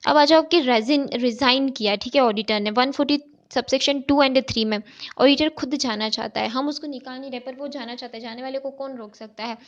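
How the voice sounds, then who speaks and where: Her voice high and fairly quick, a woman teaches chartered accountancy in a recorded exam-prep lecture. She explains each step, raises questions before answering them, and keeps checking in with "okay," all captured in dull, lo-fi sound.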